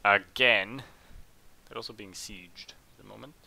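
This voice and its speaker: Low-voiced guy doing casual game commentary, kinda bright and forceful tone. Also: a little slow, creaky, a little hiss or hum. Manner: chatty, thinks aloud, gets excited in tense moments. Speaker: let's play host.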